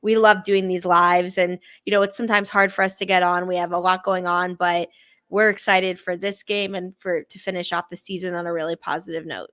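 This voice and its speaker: A woman's voice: fairly low pitch, little pitch movement, a little fast, a bit bright, no echo. A woman, hosting a casual live sports stream, upbeat and chatty, full of "you know" and "like". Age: 20s. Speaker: sports show host.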